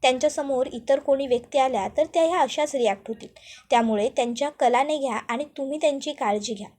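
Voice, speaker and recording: A woman voicing a calm, reassuring doctor. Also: high-pitched, quick pace.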